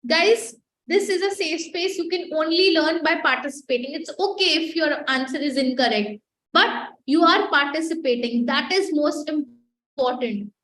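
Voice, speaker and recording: A woman's voice: high-pitched, moderate pace, a bit bright. A young woman teaching a live online class on communication skills, emphatic and repetitive as she coaxes her students to answer in the chat. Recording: echoey room with faint noise.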